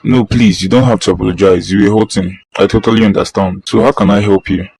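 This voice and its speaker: A man's voice: fairly low pitch, fairly even intonation, fast talker, a little mellow, breathy edge, no echo, poor audio. A man with a Nigerian accent voicing a blunt, teasing doctor in a cartoon. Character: mocking male doctor, adult.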